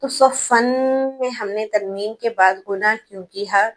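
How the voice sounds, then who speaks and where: A woman teaching an online recitation class, who explains step by step, spells out letters slowly and checks that students follow. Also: mid-range voice, fairly even intonation, poor audio. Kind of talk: online tajweed lesson.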